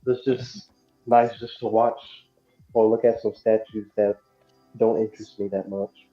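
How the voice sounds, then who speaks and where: A man speaks through a voice changer app that pitches his voice down, so it comes out low and husky. He talks in a laid-back, offhand way as a guest in a casual livestream chat. Faint music plays behind him. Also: level tone, unhurried, muffled recording. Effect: deep voice changer app.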